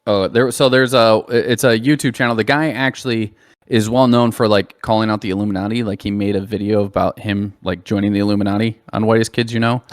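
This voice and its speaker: A man's voice: fairly low pitch, a little fast, no room sound, studio quality. A man co-hosting a gaming podcast in casual chat, telling stories and laughing as he talks. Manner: animated storytelling, laughs while talking. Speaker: podcast co-host.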